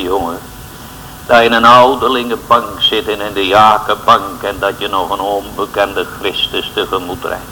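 Man, church sermon, fervent and pleading, bright tense voice. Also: lowish voice, a little hiss or hum, rough recording. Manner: fervent, pleading, addresses listeners as boys and girls. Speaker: preacher.

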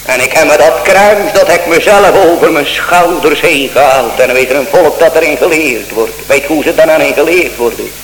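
A man's voice: fairly high pitch, normal speed, hardly any pauses. A man preaching a solemn sermon in a church, impassioned, with sudden emphatic rises in his voice. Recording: echoey church hall, faint hum.

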